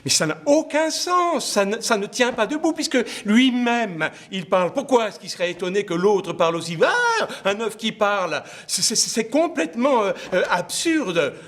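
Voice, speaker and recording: A man's voice: high-pitched, expressive, normal speed, hardly any pauses, a bit bright. An actor playing a fussy, apologetic, literal-minded man who stammers earnestly. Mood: baffled. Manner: hesitant, stammering, overly earnest. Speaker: actor in a stage comedy.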